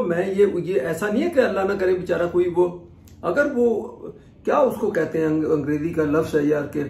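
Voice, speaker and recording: A middle-aged man tells a rambling story for his vlog, his raised voice catching in a gravelly fry. He restarts and wanders off on asides. The sound bounces around a bare, echoey room. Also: a little high, darkish tone. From Pakistan. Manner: chatty, digressive, many restarts. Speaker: vlogger.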